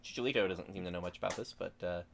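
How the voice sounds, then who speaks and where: A man's voice: sits low, racing, creaky, fairly bright tone. A man acting as game master, improvising tabletop narration in a casual, hesitant, explanatory way.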